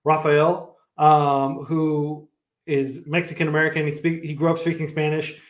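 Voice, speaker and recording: His pitch is fairly high with little movement, and he talks at a moderate pace. This livestream guest, who founded a coding nonprofit, is relaxed and talkative, laughing often and leaning on fillers and restarts. Echo from the room is audible.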